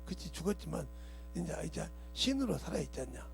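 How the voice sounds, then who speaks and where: A man preaching who puts on the voice of his elderly father, a stubborn man who honors his ancestors, speaking low and gruff and turning to scolding when pushed. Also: very animated, brisk, slight background noise. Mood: grumbling.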